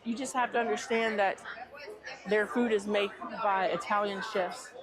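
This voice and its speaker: A woman's voice: mid-range voice, steady tone, moderate pace. A woman with an American accent chatting casually as the host of a livestream. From United States. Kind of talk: casual live chat. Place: busy theme park. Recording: busy crowd noise behind.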